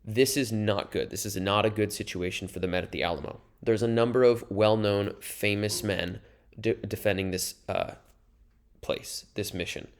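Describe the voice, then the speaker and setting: A man's voice: lowish voice, fairly even intonation, normal speed. A young man teaching a history lesson over slides, explaining in a casual, conversational way with asides to his students. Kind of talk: recorded classroom lecture over slides.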